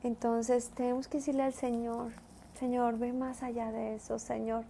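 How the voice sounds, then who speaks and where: Woman with a gravelly, mellow voice. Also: a little high, little pitch movement, normal speed, a little hiss or hum. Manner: conversational, frequent tag questions. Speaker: Bible teacher. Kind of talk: devotional Bible teaching.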